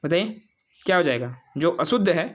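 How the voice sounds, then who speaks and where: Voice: medium pitch, lively intonation, normal speed, dull audio. A teacher walking through exam spelling questions, asking the viewers and then answering, repeating each word several times. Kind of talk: exam-prep quiz walkthrough.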